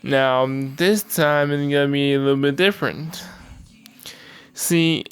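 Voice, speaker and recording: A man's voice: fairly high pitch, clear, resonant tone, dry recording. A male video host giving a casual, informal introduction straight to viewers.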